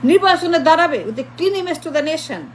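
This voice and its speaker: This political commentator's voice is very high-pitched and expressive, moving at a moderate pace with a little hiss or hum behind it. Her monologue mocks its targets with piled-up, repeated insults, and she switches into English now and then.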